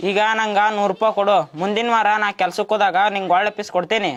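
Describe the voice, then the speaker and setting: A man's voice: sits high, level tone, fast, a bit bright, muffled recording. A young man playing a wheedling younger brother. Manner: wheedling, defensive, sulky. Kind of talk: village short-film acting.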